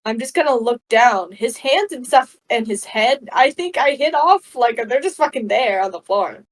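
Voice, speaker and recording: A woman's voice: a little high, animated, moderate pace. A woman playing in a tabletop role-play, talking hesitantly and saying like a lot. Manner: hesitant, lots of like. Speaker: player. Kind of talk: casual chat at a tabletop game.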